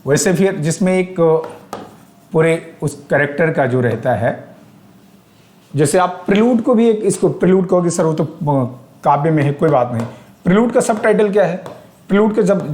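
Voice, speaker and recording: Man, Indian accent, teacher, exam-prep lecture, fairly high voice, asks questions aloud, echoey room. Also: normal speed, darkish tone. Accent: Indian English. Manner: explains step by step, asks questions aloud, mixes in English terms.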